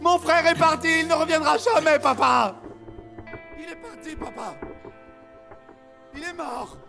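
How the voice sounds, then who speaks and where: A man's voice: very high-pitched, unhurried, creaky, pushed and bright, faint music behind, full character voice. An actor dubbing a distraught young man who grieves his friend's death, sobbing and repeating himself in despair. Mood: sobbing grief. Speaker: grieving son. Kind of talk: dubbed TV drama acting.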